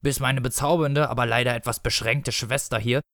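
A man voicing Death as a grumpy, bony, irritable grim reaper who speaks slowly and gruffly in a storybook reading. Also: mid-range voice, steady tone, a bit bright, no echo, studio quality. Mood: gruff grudging. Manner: slow, grinding, gruff.

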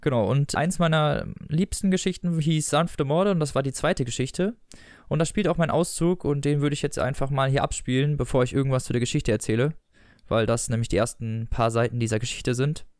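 A man's voice: mid-range voice, brisk, darkish tone, no room sound, clean studio sound. A man chatting casually about a story collection, with loose restarts, then reading an excerpt aloud. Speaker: book reviewer.

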